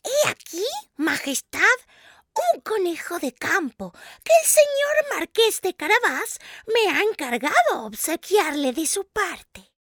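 Puss in Boots, a high meowing cat. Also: female voice, very animated, takes it slowly, fairly bright tone, no echo, clean studio sound, exaggerated voice. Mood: courtly. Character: sly scheming talking cat in boots.

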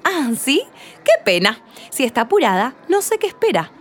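A woman's voice: high-pitched, sing-song, normal speed, slight background noise. A woman voicing a fussy, rule-bound cashier in a read-aloud play, insistent and easily flustered. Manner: insistent, grows exasperated and fussy.

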